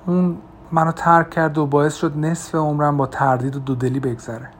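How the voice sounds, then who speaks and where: A man voicing a troubled, unsure mother who answers in quick, shaky, hesitant lines in an audiobook. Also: on the high side, little pitch movement, slight background noise, close to an everyday voice. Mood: anxious.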